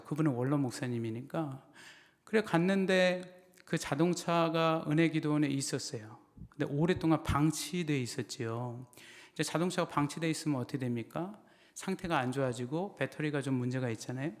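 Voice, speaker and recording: A man's voice: a little high, a little mellow. A middle-aged male pastor preaching a sermon, telling a story and then building to fervent preaching. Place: church sanctuary. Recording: long church-hall reverb.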